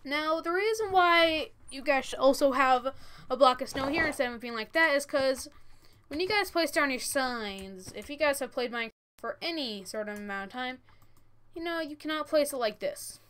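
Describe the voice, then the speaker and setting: Thirteen-year-old gaming tutorial host, says w for r, bright forceful tone, informal delivery, slightly noisy recording with key clicks. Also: high-pitched, animated, moderate pace. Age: 13 years old. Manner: informal, instructing step by step. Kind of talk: casual Minecraft tutorial commentary. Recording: noisy, with keyboard and mouse clicks.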